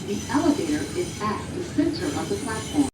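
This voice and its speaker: A woman's voice: medium pitch, sing-song, brisk. A woman reading a scripted public transit announcement, in the manner of an airport announcement. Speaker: train announcer. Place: on a subway train, over speakers. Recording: echoey, distant train speaker, clear rail noise.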